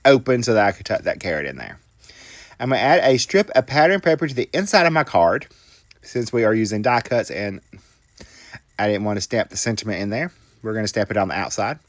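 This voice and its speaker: A middle-aged man narrates a crafting tutorial in a casual, folksy way. His pitch moves in a lively, animated way, full of friendly asides and little self-deprecating jokes. The recording is close and dry, with no room sound. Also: no echo. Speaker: card-making tutorial host.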